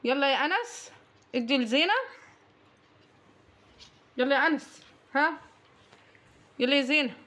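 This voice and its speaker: A woman's voice: sits high, normal speed, long pauses, bright, forceful tone. A woman with an Egyptian Arabic accent, a mother hosting a family vlog and running a game with children, coaxing and cheerful, often laughing as she urges them on.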